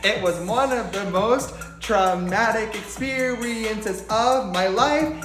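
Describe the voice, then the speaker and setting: Woman, YouTuber, slow measured storytime, echoey room, faint music. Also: medium pitch. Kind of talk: casual storytime.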